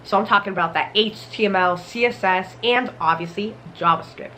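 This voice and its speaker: A woman's voice: mid-range voice, a little fast, sharp tone, slight background noise. A woman with a slightly muffled, congested voice from a cold, giving casual step-by-step instructional talk to camera. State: recovering from a cold. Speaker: software engineering YouTuber.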